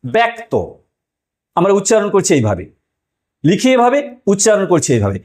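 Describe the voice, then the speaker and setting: A man with a notably high voice explains a language lesson step by step. He repeats each example, asks rhetorical questions and answers them himself, in the careful way of a classroom teacher. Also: huge pitch swings, moderate pace, a little mellow. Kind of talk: explanatory lecture.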